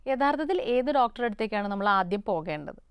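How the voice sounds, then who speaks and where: Smooth-voiced woman TV host. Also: mid-range voice, expressive, fast, dry recording, studio quality. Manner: clear and formal, prompting guests. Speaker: TV show host. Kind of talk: TV health phone-in hosting.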